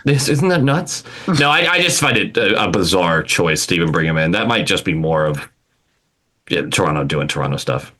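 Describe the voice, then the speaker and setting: A man co-hosting a casual podcast chat, his pitch swinging up and down as he talks. His voice is bright and forward, and he laughs easily and trips over restarts along the way. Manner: animated, laughs often, talks in quick restarts. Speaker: podcast co-host.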